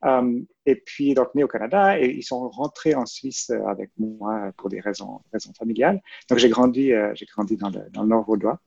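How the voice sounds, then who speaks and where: A man's voice: medium pitch, moderate pace, vocal fry, hardly any pauses, a little mellow, slightly rough. A man in his forties with a Swiss French accent from Vaud, answering interview questions hesitantly with many fillers and restarts. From Switzerland. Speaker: guest, librarian and photographer. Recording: muffled, lo-fi.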